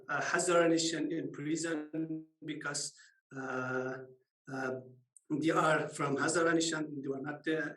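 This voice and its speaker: Hesitant man on an echoey call. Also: fairly high pitch. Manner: hesitant, many fillers, non-native phrasing. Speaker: guest speaker, refugee. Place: video call from home.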